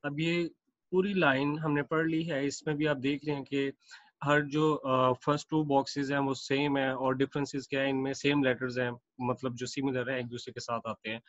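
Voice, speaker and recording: A man teaching Quran reading, explaining Arabic letters with English words mixed in and repeating each letter pair slowly and at length. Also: mid-range voice, little pitch movement, dry recording, muffled recording.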